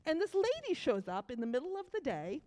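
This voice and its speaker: A woman with a cold giving a children's sermon, telling a story to kids with lively asides and questions. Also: high voice, fairly quick. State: has a cold. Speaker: children's message leader.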